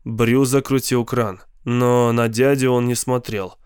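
Smooth-voiced man reading a novel. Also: medium pitch, level tone, unhurried, a little mellow, dry recording, studio quality. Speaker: audiobook narrator. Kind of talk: scripted narration.

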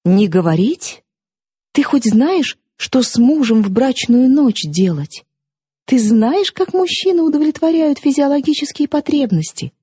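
A woman's voice: high-pitched, very animated, unhurried, husky, no echo, voice pushed up, full character voice. A woman reading an audiobook, voicing a defiant, mocking young woman who lashes out at her sister. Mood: scornful. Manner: sharp, mocking, impassioned outbursts.

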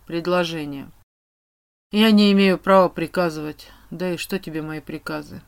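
A woman doing a tired, quiet king. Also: lowish voice, steady tone, normal speed, gravelly, smooth. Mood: weary. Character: weary, tender middle-aged king, man.

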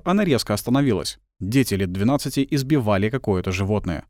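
A man narrating a story in an expressive reading voice. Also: on the low side, dry recording, clean studio sound. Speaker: audiobook narrator. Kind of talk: scripted narration.

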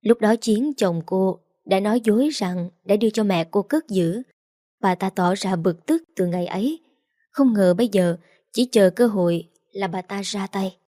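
Mellow-voiced woman narrating a story. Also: medium pitch, normal speed, no echo, clean studio sound. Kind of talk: scripted narration of a romance story.

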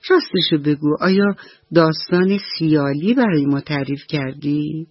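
A woman's voice: deep voice, slightly rough, no echo, lo-fi sound. A woman voicing a mischievous rainbow fish child who doubts the others. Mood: teasing. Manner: teasing, skeptical.

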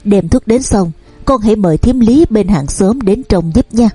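Storybook reading: a compassionate older male healer, soft and mellow, voiced by a woman. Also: mid-range voice, animated, moderate pace, husky, no echo, faint music behind. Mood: resigned. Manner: gentle, compassionate.

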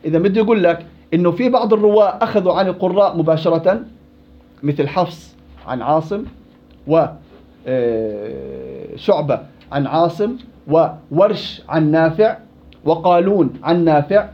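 Male recitation teacher; high-pitched and quizzing, on a muffled lo-fi recording. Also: moderate pace. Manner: questioning, explains with examples and quoted verses. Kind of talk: classroom lesson with questions to students. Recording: dull lo-fi classroom recording.

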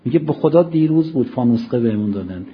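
A middle-aged man preaching a Ramadan sermon, asking rhetorical questions and swinging between soft and loud. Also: medium pitch, expressive, a little hiss or hum. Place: mosque hall. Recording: dull lo-fi recording.

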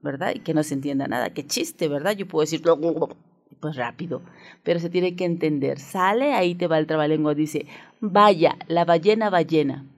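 A Mexican woman hosting a community radio show for children. Her voice sits a little low, and her delivery is friendly and playful. She coaxes the kids along and keeps asking them "right?". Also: a little fast, darkish tone.

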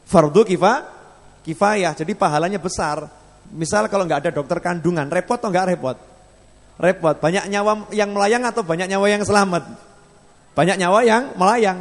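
A man's voice: on the high side, big-room sound. A man with a Javanese accent preaching at a gathering, joking and asking the crowd questions as he tells a story. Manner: jokes and asks the crowd questions. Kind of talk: sermon with storytelling. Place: large hall at a public gathering.

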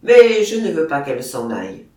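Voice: mid-range voice, sing-song, moderate pace, a little mellow, voice pushed down, lightly acted. A reader doing a sullen defiant bull. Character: big stubborn angry bull. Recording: roomy, distant mic.

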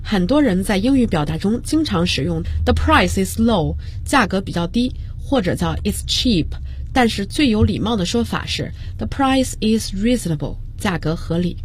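A woman teaching business English on a radio lesson, explaining slowly and spelling words out letter by letter. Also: mid-range voice, expressive, slight background noise. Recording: broadcast studio.

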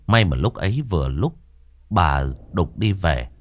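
A man narrating a ghost story in a dramatic, expressive storytelling manner. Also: deep voice, a little slow, no echo.

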